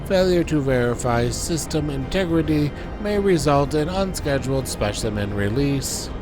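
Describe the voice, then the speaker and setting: A man putting on a robot voice for a dutiful male control terminal, speaking in clipped monotone announcements. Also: a little high, moderate pace, over music, poor audio. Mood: robotic. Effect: robot voice done by mouth, no filter. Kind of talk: voicing game dialogue while playing.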